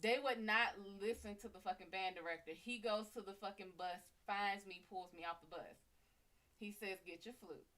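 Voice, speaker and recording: A woman hosting a live stream, telling a story in casual, animated, profane talk and calling listeners honey and baby. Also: medium pitch, moderate pace. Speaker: psychic reader and live show host.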